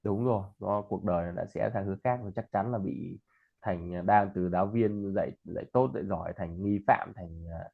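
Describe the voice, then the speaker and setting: Low-pitched, gravelly and husky, this English tutor speaks at a normal pace. He chats casually, then shifts to a pronunciation lesson where he explains and repeats example words, and the audio is tinny like a phone line.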